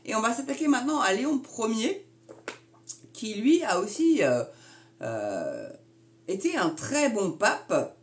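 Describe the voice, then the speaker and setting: A woman's voice: fairly high pitch, wildly swooping pitch, takes it slowly, long pauses, a little hiss or hum. Hesitant woman host reading her notes. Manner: hesitant, many fillers and self-corrections; chatty asides to viewers. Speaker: video channel host. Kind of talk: casual explainer reading from notes.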